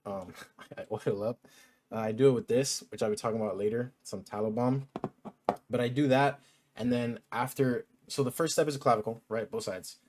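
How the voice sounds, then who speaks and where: A man's voice: mid-range voice, fairly even intonation, moderate pace, background noise. A man in his twenties talking in a casual, chatty vlog, full of fillers like "like" and "um". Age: 20s. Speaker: vlogger.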